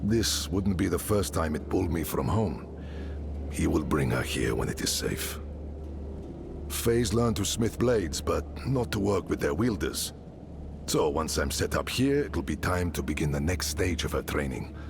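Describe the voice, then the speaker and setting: With a deep, gravelly, exaggerated voice, a man portrays a video game's wry, fatherly mercenary leader and smith in middle age. He sounds friendly, his intonation lively and pace measured, over a noisy background and game soundtrack music.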